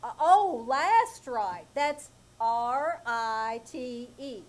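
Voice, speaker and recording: On a live theater stage, a woman performs Ace, the long-suffering, wisecracking husband in an old-time radio comedy. Her voice sits on the high side and is expressive, and she delivers her lines very slowly with a dry, sardonic edge.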